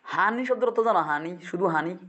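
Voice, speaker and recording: A man's voice: sits high, animated, quick pace, a bit bright, dull audio. A male English teacher from Bangladesh drilling vocabulary in a classroom, repeating words and quizzing his students.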